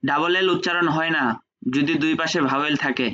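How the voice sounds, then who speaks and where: A man teaching French pronunciation in an online lesson, patiently repeating each sound slowly. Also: fairly high pitch, steady tone, sharp tone. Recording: dull lo-fi call audio.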